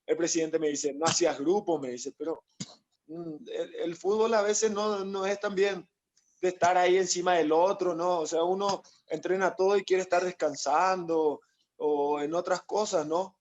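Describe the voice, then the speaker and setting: A footballer from Paraguay rambles at length about his story in an interview, quoting others and repeatedly asking "¿no?". His high-sitting voice has fairly even intonation, a moderate pace, and a darkish tone, captured in a muffled recording.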